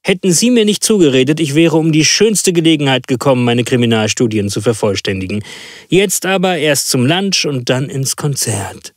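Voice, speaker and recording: A man voicing an impatient, eccentric male detective with quick, commanding speech. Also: mid-range voice, animated, dry recording, studio quality, voice pushed up, close to an everyday voice. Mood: exuberant.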